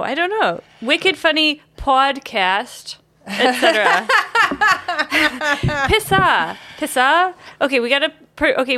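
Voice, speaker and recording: A woman with a bright, slightly high voice, chatting on a casual podcast. She talks in an animated way, jumping up in pitch when she is surprised, and lets the odd swear slip. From Chicago area. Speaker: podcast co-host. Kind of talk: casual chat.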